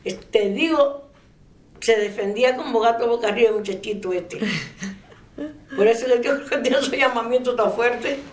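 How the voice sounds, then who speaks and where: An older woman with a somewhat high voice recounts family stories in a loose, conversational way. She laughs easily and often abandons a sentence to start again. The recording has a noticeable room echo around her. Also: normal speed. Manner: lively, laughs often, trails off and restarts. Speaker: interviewee sharing a faith testimony. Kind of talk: casual storytelling. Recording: echoey room.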